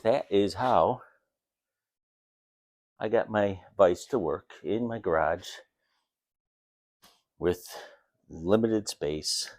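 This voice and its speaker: A man with a low voice talks casually in his garage workshop. He explains things in a plain, informal way as he works, and the sound is dry with little room echo. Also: very slow, pauses often, a little mellow. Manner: plainspoken, informal, talking while working. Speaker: DIY video host.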